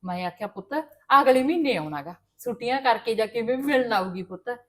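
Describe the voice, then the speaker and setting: Family drama mother played by a woman, Punjabi accent, high voice, earnest lecturing tone. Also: animated, a little fast, lightly acted. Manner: earnest, gently lecturing, calls her daughter "son". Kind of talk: scripted family drama acting.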